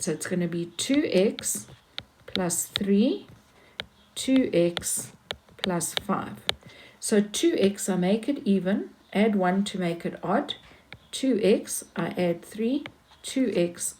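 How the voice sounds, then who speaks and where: Casting note: unhurried female maths teacher, methodical and repetitive, faint hiss behind. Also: lowish voice, a little mellow. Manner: patient, talks through each step, repeats herself. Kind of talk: explaining maths step by step.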